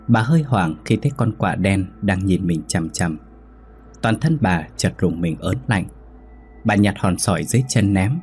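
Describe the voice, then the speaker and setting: A man narrating a ghost story in a steady, brisk storytelling manner. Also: low voice. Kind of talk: scripted horror story narration.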